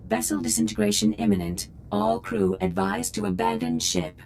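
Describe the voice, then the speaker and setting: Calm, gravelly ship computer. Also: male voice, sits high, very noisy, full character voice. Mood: calm warning. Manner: flat, measured, announcing alerts. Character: calm male ship computer issuing warnings. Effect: calm ship computer announcement voice.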